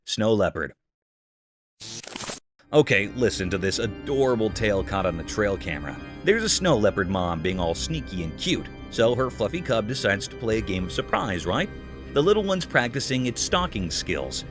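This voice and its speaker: A man's voice: on the low side, big pitch swings, moderate pace. Chatty male narrator over music. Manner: chatty, folksy storytelling tone. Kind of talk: scripted narration. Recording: clear music bed behind.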